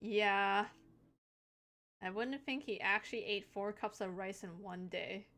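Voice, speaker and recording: A woman's voice: mid-range voice, unhurried, a bit bright. A young adult woman hosting a live stream, chatting casually and teasing, laughing often. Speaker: livestream host.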